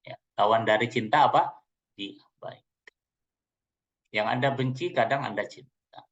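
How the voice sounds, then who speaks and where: A man's voice: medium pitch, brisk. Teasing male seminar trainer, lo-fi. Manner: playful, teasing, addresses listeners directly. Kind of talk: joking seminar talk to an audience. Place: seminar room. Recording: dull lo-fi recording.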